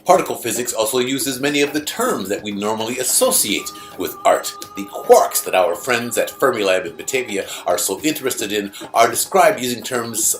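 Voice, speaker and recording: A man hosting a light-hearted science show, playful and theatrical in his wording. His voice moves lively up and down in pitch. Faint music sits behind him. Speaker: host.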